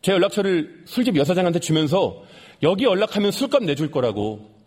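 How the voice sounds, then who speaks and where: A young man giving an earnest sermon testimony, repeating lines for emphasis and dropping soft at sad moments. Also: sits high, big pitch swings, fairly quick, breathy edge.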